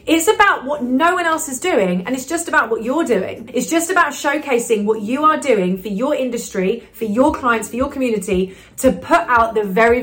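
A woman's voice: a little high, a bit bright. A woman business coach talking casually to camera, upbeat and chatty, with lots of "you know" fillers.

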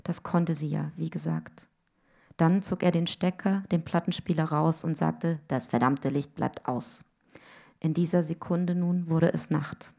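A woman reading a literary story aloud in a rhythmic way, often dropping to hushed tones. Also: low voice, little pitch movement, a little slow, creaky. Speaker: reader.

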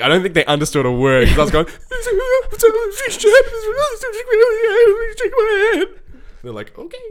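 A young man, co-hosting a podcast, telling an excited story in casual chat and acting out what people said. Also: medium pitch, clear, resonant tone. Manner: excited storytelling, acts out quotes. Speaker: podcast co-host.

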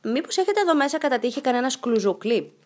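A bold, cheerful little girl full of odd ideas, played by a woman, her voice lifting high and bright. She chatters in a playful, lively way as the heroine of a storybook reading.

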